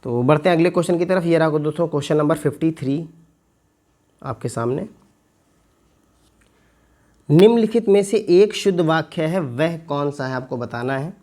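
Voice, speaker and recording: A male teacher working through an exam paper, repeating words slowly to spell them out and asking his viewers questions. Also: fairly high pitch, mellow. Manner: slow, stretched repetition of words to spell them out; addresses viewers as friends, asks them questions. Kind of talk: exam paper walkthrough lesson.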